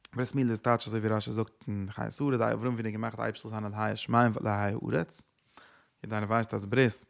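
A man giving an informal religious teaching, halting and repeating himself, with English words mixed in. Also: mid-range voice, gravelly.

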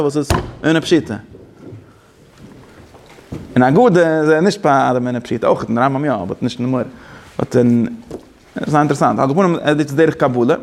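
A man teaching a Torah class, rambling and correcting himself as he goes, with English and Hebrew terms mixed into his talk. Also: on the high side. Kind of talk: Yiddish-style Torah class.

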